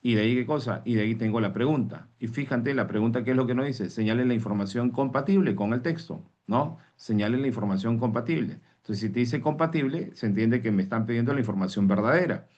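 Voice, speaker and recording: A man's voice: mid-range voice, fast, hardly any pauses, darkish tone. Man teaching, full of rhetorical questions. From Peru. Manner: explains step by step, asks himself rhetorical questions; tags lines with "¿no?" and "mis estimados". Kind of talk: online reading comprehension class. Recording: dull lo-fi sound.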